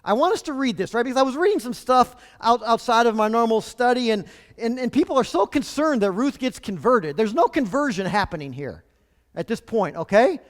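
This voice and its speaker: A man's voice: very high-pitched, animated, brisk, long reverb tail. A man preaching a sermon as pastor, in a conversational way with rhetorical questions.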